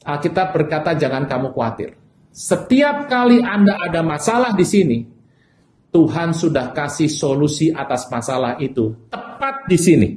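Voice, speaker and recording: A male pastor preaching a sermon in an animated way, acting out people's desperate cries for help. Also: a little high, normal speed, reverberant.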